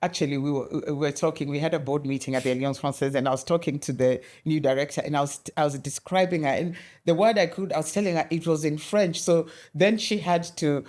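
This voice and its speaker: A middle-aged Kenyan interview guest talks fast in a low voice, barely pausing at all. Her stories are animated and marked by many restarts.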